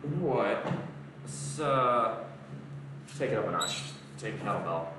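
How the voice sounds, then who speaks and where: Between exercises in his home gym, a young adult Southern American fitness streamer answers live-stream comments in a casual way. He speaks a little slowly with a fairly low pitch and lively intonation; the distant camera mic gives a roomy garage echo, and there's background noise.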